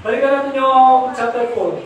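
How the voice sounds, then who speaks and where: This sermon comes from a middle-aged or older man whose pitch is extremely high and whose speed is normal, though the audio sounds dull. He switches between Tagalog and English and asks the congregation rhetorical questions, captured from far away in an echoing room with faint noise.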